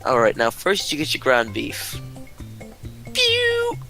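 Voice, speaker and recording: A man's voice: medium pitch, animated, normal speed, creaky, pushed and bright, soft background music. Goofy TV cooking host, as a man puts him on. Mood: mock cheerful. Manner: zapping food into being with "pew" sounds. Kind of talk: mock cooking show parody.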